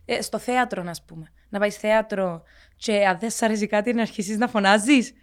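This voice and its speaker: A young woman with a Cypriot Greek accent, co-hosting a casual podcast chat and dropping English words into her talk. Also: mid-range voice. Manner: animated, switches into English words. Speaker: podcast co-host.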